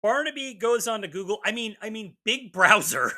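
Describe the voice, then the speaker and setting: A man's voice: high-pitched, lively intonation, normal speed, bright, forceful tone. A man co-hosting a podcast in casual chat, making wry jokes between fillers and restarts. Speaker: podcast co-host.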